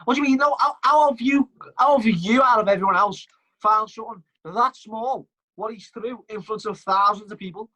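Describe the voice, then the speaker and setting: A man's voice: sits high, moderate pace, bright, forceful tone, rough recording. A man with a Liverpool accent chatting and bantering casually as a podcast co-host. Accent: Liverpool (Scouse).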